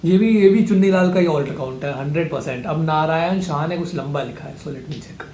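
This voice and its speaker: A man's voice: fairly high pitch, normal speed, a little mellow, roomy sound, slight background noise. A teenage man, chatting casually and jokingly as he answers viewer questions late at night, a bit sleepy. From India. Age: teens. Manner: chatty, switches between Hindi and English, jokey.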